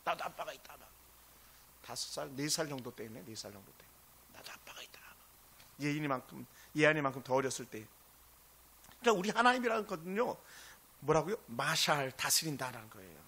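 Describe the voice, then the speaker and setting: A male pastor preaching a sermon, impassioned and swinging between loud exclamations and hushed asides. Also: on the high side, lively intonation, brisk, slightly rough.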